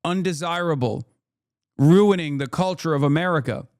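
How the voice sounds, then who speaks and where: A man's voice: a little high, moderate pace, a little mellow, no room sound, studio quality. A man doing heated live-stream commentary, blunt and profane as he argues with his chat. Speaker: streamer reacting to clips.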